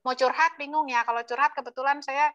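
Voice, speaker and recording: A woman's voice: high-pitched, steady tone, quick pace, fairly bright tone, muffled recording. A woman participant in an online meeting giving feedback, speaking hesitantly with many fillers. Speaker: webinar participant.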